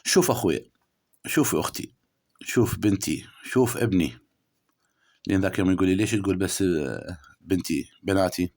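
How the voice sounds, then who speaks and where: A man with an Iraqi Arabic accent giving a spiritual horoscope reading to the listener in a preachy, scolding way, jumping between loud emphatic bursts and low murmurs. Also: fairly quick, pauses often. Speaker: spiritual astrology reader. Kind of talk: direct-address horoscope reading.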